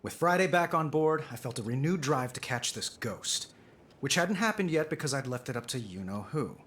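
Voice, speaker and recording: A man's voice: medium pitch, sing-song, fairly bright tone, a little hiss or hum. A man playing a driven, wisecracking superhero inventor in a video game, sardonic and casual. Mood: subdued, reflective. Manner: sardonic, casual, quick to quip. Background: music.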